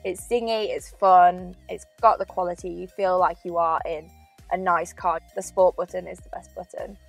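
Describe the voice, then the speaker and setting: A woman's voice: on the low side, flat delivery, moderate pace, vocal fry, soft background music, low-quality recording. A woman, chatting enthusiastically through a car review while driving.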